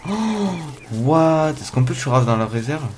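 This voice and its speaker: A young man giving casual let's play commentary, excitable, swearing often, talking to his viewers, with loud startled outbursts. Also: mid-range voice, moderate pace, noisy background. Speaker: gamer playing a survival game. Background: faint game music.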